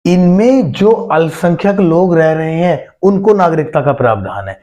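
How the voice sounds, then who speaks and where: A man's voice: on the high side, lively intonation, normal speed, mellow. A man giving an exam-prep lesson, asking the listeners questions and repeating key points, calling them brother and friends. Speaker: teacher.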